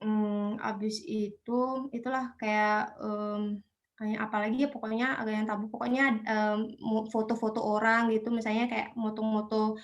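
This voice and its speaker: A young Indonesian woman studying abroad is a guest on a casual online interview, hesitating often and using many fillers. Her medium-pitched voice is level and moves at a normal speed, though the recording is muffled.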